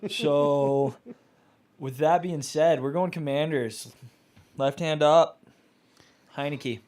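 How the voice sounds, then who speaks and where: A man's voice: on the high side, steady tone, slow pace, darkish tone. A man co-hosting a casual sports betting chat, crude and teasing.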